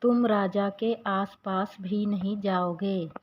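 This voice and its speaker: A woman's voice: medium pitch, fairly even intonation, slow pace, a little hiss or hum, close to an everyday voice. A woman voicing a bossy female louse who sets firm conditions, in a slightly muffled recording. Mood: stern. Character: bossy female louse, stern but soft-hearted.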